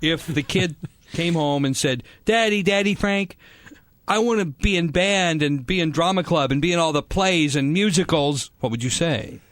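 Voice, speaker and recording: A man's voice: on the high side, normal speed, fairly bright tone, no echo. A man co-hosting a radio talk show, making wisecracks and poking fun at himself. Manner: wisecracking, self-mocking. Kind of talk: casual radio banter.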